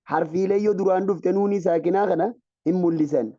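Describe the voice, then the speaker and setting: A man with a high yet very dark, mellow voice, teaching Islamic recitation rules. He chants lines of verse slowly, then explains them at a quick clip. The sound is dry and a little dull, like a lo-fi recording. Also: steady tone, no room sound.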